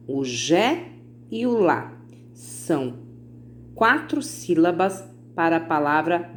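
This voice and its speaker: A woman teacher recording a video lesson for children, with patient explanations and slowly stretched-out example words. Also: low voice, a little hiss or hum.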